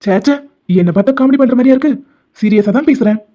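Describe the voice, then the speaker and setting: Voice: mid-range voice, quick pace, dark tone, close to an everyday voice. Voice actor doing a stubborn, teasing young doctor. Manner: teasing, stubborn, calls her pet names. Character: persistent young man, doctor, claims the heroine as wife. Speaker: male lead. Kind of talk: animated love-story dubbing. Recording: dull lo-fi audio with faint music.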